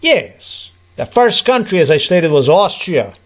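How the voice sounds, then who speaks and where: Middle-aged man, slightly high voice, unhurried, aggrieved and insistent vlog monologue. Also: sing-song, muffled recording. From Slovenia. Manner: aggrieved, repetitive, emphatic. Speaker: vlogger. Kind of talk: personal monologue to camera.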